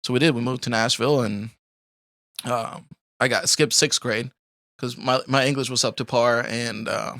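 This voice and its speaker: In a relaxed life-story interview, a young podcast guest from Colombia wanders through his tale, laughing frequently and leaning on fillers such as "like" and "you know." His mid-range, fairly bright voice stays fairly even at a moderate pace, captured in a dry, clean studio recording.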